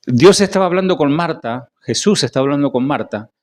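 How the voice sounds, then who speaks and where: A male pastor with a Rioplatense Spanish accent preaching a sermon, rising to loud questions to the congregation and dropping to quiet asides. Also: on the high side, expressive, a little fast. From Argentina.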